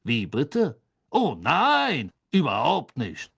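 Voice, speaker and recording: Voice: medium pitch, wildly swooping pitch, takes it slowly, vocal fry, fairly bright tone, breathy edge, no echo, studio quality, voice pushed up, heavily acted. An audiobook reader voicing a jovial, breezy male official.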